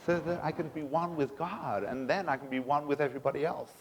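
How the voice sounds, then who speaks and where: A man's voice: a little high, a little fast, slight background noise. A man giving a sermon as a rabbi, preaching emphatically with rhetorical questions in a synagogue. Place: synagogue sanctuary. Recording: echoey synagogue hall.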